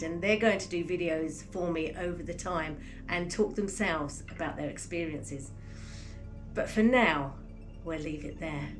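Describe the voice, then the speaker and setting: A woman hosting a renovation vlog, talking casually and chattily to camera. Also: on the low side. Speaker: vlog host and chateau owner.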